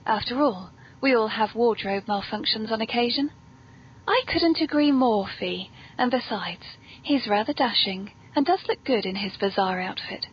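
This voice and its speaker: Her voice is slightly rough yet animated, moving at a normal speed, as this British woman hosts a whimsical comedy podcast from a script. The tone is genteel, very polite and playful, and the podcast audio is low-quality, muffled and noisy.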